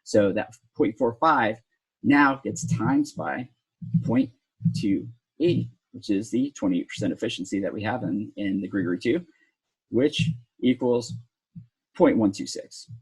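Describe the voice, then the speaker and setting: A rope rescue instructor, a man, works through tension figures step by step, dropping in a dry sarcastic remark now and then. His voice sits low and sounds a little husky. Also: sing-song, unhurried, rough recording. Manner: explanatory, talks through calculations step by step with sarcastic asides. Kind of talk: technical lesson at a whiteboard.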